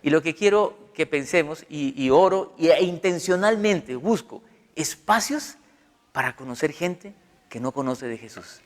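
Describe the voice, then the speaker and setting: Middle-aged male pastor, conversational sermon, slightly high voice, long hall reverb. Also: measured pace. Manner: conversational, animated storytelling with acted quotes.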